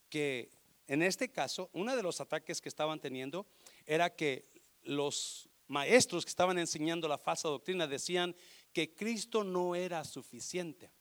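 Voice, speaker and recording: A man's voice: fairly high pitch, a bit bright. A man pastor preaching a sermon, emphatic and exhorting, often calling out questions to his congregation.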